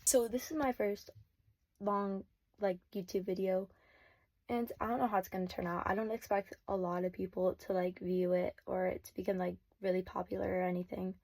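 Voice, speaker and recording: A woman's voice: mid-range voice, steady tone, moderate pace, darkish tone, no room sound. Hesitant teen girl narrating her drawing. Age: teens. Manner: hesitant, many fillers like "like" and "um". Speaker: vlogger. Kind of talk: casual voice-over narration. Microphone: no external mic.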